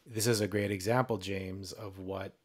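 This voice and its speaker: A man hosting a podcast conversation, speaking in slow, deliberate, affirming phrases. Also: sits low, fairly even intonation. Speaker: podcast host. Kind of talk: conversational interview.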